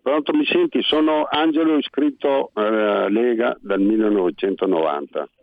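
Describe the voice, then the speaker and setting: A man from northern Italy calling a radio show over the phone, talking loudly and haltingly with many fillers. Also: medium pitch, creaky, no room sound. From Vicenza area, northern Italy. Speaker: radio call-in caller. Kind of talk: call-in opinion. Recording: tinny phone line, dry.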